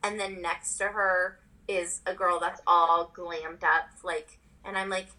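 Young woman co-host, bright and forceful tone, candid and profane, quick to laugh. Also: lowish voice, flat delivery, low-quality recording. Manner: candid, laughs often, swears casually. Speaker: podcast co-host. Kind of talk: casual chat.

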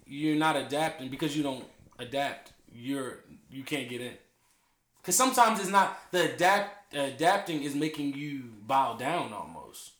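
A man's voice: medium pitch, lively intonation, unhurried, fairly bright tone. A man arguing emphatically in casual street slang as a podcast co-host, chatting among friends. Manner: emphatic, argumentative. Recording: echoey room.

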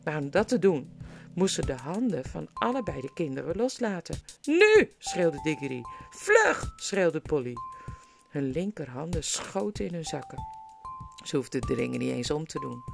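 A low, gravelly female voice reading an audiobook with expressive storytelling. Her pitch moves in lively arcs from line to line. Music plays under the narration. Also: moderate pace.

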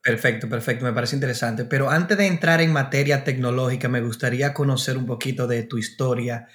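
A man's voice: mid-range voice, a little fast, fairly bright tone. A Dominican man hosting a podcast, introducing his guest and asking open questions in a friendly way. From Dominican Republic. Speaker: podcast host. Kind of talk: podcast interview. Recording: music bed clearly heard.

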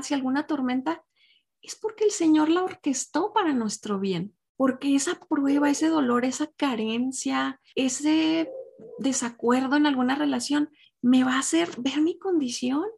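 A woman's voice: high-pitched, vocal fry. Woman teaching women a devotional lesson. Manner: warm, conversational, asks the listeners questions. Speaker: Bible study teacher for women.

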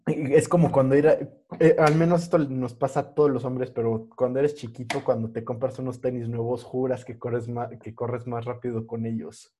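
Mexican guy podcast host, soft mellow voice, super slangy, throws english words in, just chatting. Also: medium pitch, flat delivery, normal speed, hardly any pauses. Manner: slangy young urban Mexican speech with English words mixed in. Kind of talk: casual podcast chat.

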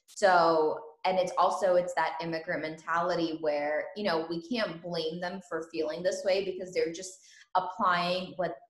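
A woman's voice: on the low side, fairly even intonation, moderate pace. A woman host born in Ukraine, chatting casually in an interview and laughing often. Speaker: podcast host. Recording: echoey room.

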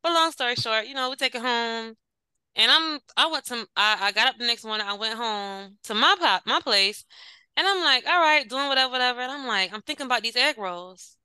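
Woman on a podcast, bright crisp voice, dry close mic, animated storytelling. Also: fairly high pitch, fairly quick, no room sound. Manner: animated storyteller, laughs often. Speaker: podcast co-host. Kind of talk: casual chat.

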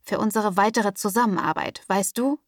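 A woman voicing a calm, cocky young man who talks in an easygoing, smug, soothing way. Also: mid-range voice, moderate pace, no room sound, clean studio sound, distant mic, lightly acted.

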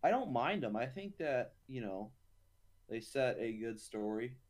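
A young man with a mid-pitched voice co-hosts a casual podcast chat. He teases his friend, laughs often and keeps the talk light and playful. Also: big pitch swings, unhurried, darkish tone. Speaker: podcast co-host.

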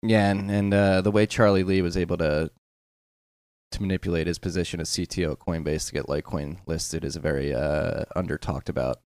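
A man's voice: sits low, fairly even intonation, a little fast, a little mellow, smooth, no echo, studio quality. A man talking as a guest on a casual podcast, hesitant and self-deprecating, with plenty of fillers and restarts.

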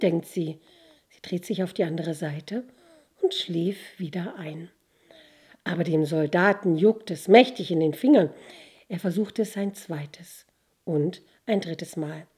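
A woman narrating a fairy tale with expressive storytelling. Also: on the low side, slightly rough.

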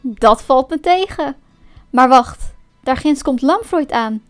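A woman's voice: high-pitched, lively intonation, a little slow, faint music behind. A woman voicing a cunning male fox in a storybook, sweet-talking and mocking under a show of friendliness. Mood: sly.

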